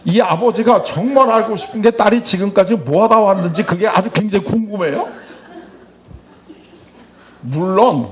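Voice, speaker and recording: A man's voice: sits high, normal speed, long pauses. A middle-aged man teaching an adult church class, acting out short family dialogues with humor. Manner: animated, acts out dialogue with humor. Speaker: church Bible school teacher. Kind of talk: lively lecture to an adult class.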